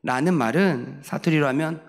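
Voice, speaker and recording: A man's voice: a little high, normal speed, creaky. A man preaching a Sunday sermon as pastor, telling stories in a playful, emphatic way and having the congregation repeat after him. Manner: storytelling, playful and emphatic, leads the congregation in call-and-response. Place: church sanctuary. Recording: church hall with long reverb.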